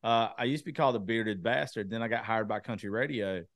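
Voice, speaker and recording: A man's voice: lowish voice, fast, fairly bright tone, no room sound, studio quality. A man in his thirties with a Southern American accent, chatting casually in a crude, blunt, profane way. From Eastman, Georgia, USA. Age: 30s. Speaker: podcast co-host, radio personality. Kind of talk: casual chat.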